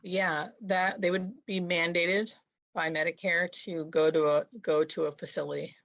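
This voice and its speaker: A woman's voice: fairly low pitch, fairly even intonation, moderate pace, fairly bright tone, lo-fi sound. An American woman talking as a hospice nurse, explaining things casually in conversation.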